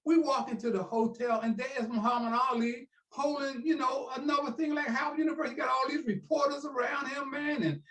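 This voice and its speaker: An older man, a guest on a talk show, telling an anecdote in a loose, animated way and often tacking on "man". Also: very high voice, brisk, few pauses. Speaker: guest, sports broadcaster. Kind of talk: casual anecdotal storytelling.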